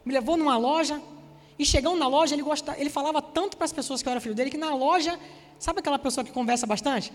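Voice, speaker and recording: Talking fast at an extremely high pitch, a man in his forties from Salvador, Bahia delivers a sermon in a large hall. His Bahian accent colors his Brazilian Portuguese, and he recounts personal stories while addressing the congregation with animated asides.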